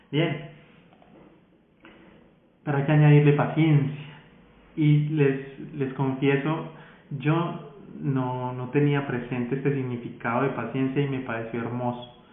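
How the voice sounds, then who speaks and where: A man's voice: mid-range voice, fairly even intonation, measured pace, long pauses, heavy reverb, phone-quality sound. A male pastor with a Colombian Spanish accent preaching a sermon in a conversational way, often checking in with the congregation. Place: church sanctuary.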